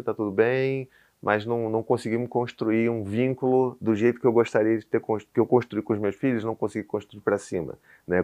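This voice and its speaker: A man in his thirties with a Brazilian Portuguese accent, a podcast guest telling a story in casual chat and acting out the dialogue. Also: lowish voice. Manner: animated storyteller, acts out dialogue. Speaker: podcast guest, father of four.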